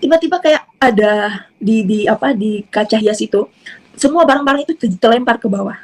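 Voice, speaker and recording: Gravelly-voiced woman with a Bugis accent. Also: a little high, low-quality recording. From South Sulawesi. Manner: halting, unhurried storytelling. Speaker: convert giving testimony. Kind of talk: personal testimony.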